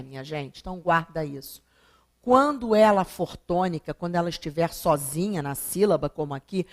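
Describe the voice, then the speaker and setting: A Brazilian woman teaching a recorded grammar lesson, asking rhetorical questions and drawing out words for emphasis. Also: lowish voice. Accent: Brazilian Portuguese. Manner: emphatic, drawn-out syllables when stressing examples; rhetorical questions answered herself.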